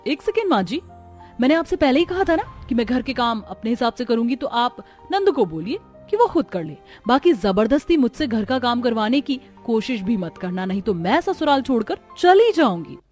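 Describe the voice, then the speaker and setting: A woman voicing a lazy, defiant young bride in a cartoon story, haughty and quick to threaten. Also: fairly high pitch, very animated, a little mellow, faint music behind. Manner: haughty, threatening, raising her voice. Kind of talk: animated storybook dubbing.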